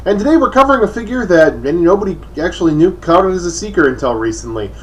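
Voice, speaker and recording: A man's voice: high voice, animated, quick pace, recorded from a distance, slight background noise. Chatty young man reviewing a toy. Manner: enthusiastic, chatty with fillers.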